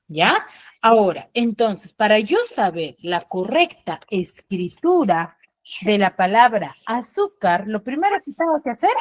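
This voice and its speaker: A woman teacher giving an online class over a video call, often checking in with short questions to her pupils. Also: medium pitch.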